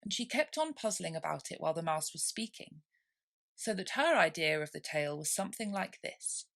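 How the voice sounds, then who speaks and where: A woman reading a children's classic as scripted narration, in an expressive storytelling manner. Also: low-pitched, a little fast, vocal fry. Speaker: storybook reader.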